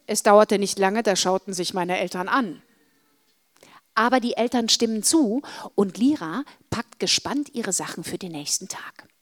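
A woman narrating a children's adventure story in the first person, pausing dramatically and often dropping to a whisper. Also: medium pitch.

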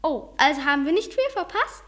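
A woman's voice: high-pitched, sing-song, brisk, a bit bright. A woman voicing an elderly queen who speaks in a stately way with the royal we. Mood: regal. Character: elderly queen, regal and dry.

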